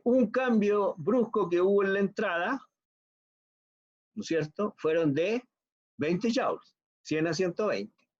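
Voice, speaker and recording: A male lecturer with a Chilean accent and a somewhat high voice walks through an engineering concept step by step, doing the arithmetic aloud and pausing to ask if everyone follows. The audio is dull and lo-fi, like a recorded online class. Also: darkish tone. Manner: explanatory, works sums aloud, frequent check-ins. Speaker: university lecturer.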